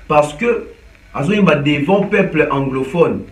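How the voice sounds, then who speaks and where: Male music commentator, hesitant and code-switching, somewhat high voice, roomy and distant sound. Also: unhurried. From DR Congo. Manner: mixes French and Lingala, animated with frequent hesitations. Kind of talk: casual spoken commentary. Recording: echoey room, distant from mic.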